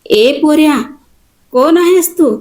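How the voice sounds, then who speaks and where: A woman voicing an angry village man who shouts harsh threats. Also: high-pitched, big pitch swings, unhurried, voice pushed up. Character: angry village man guarding a temple pond.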